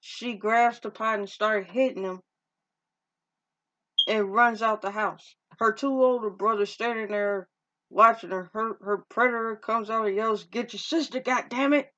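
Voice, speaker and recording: A woman's voice: medium pitch, steady tone, a little slow, bright, forceful tone. A woman casually recapping a movie's plot in a rambling, informal way, often restarting her sentences and using slang. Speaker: movie reviewer. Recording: dull lo-fi recording.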